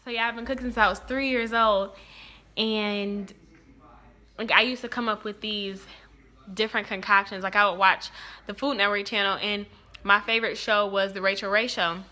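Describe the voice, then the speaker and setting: A woman's voice: mid-range voice, steady tone, moderate pace, bright, forceful tone. A young woman in her twenties, a cooking show host, telling a childhood story in a casual, chatty way full of fillers. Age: 20s.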